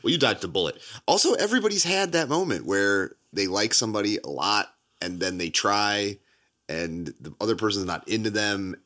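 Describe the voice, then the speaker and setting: Man, podcast co-host, casual film chat, bright tone, quick laughs. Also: lowish voice. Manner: laughs often, animated bursts.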